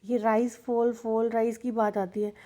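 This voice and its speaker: A woman's voice: on the high side, flat delivery, measured pace, warm tone. A woman teaching English intonation in a patient, explanatory way, going over rules and repeating key points with worked examples.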